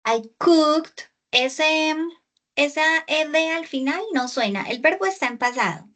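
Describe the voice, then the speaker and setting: Brief: female English tutor on a video call, high voice, unhurried delivery, patient and explanatory. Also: bright, forceful tone. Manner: patient, slow and exaggerated English pronunciation, explaining in Spanish. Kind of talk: online tutoring session.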